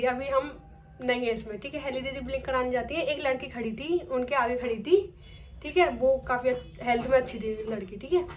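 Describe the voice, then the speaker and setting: A woman's voice: sits high, slight background noise. A young woman vlogging at home in a chatty way, first cooking in her kitchen and then telling a story, often checking in with "okay". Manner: chatty, peppers speech with "okay". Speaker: family vlogger.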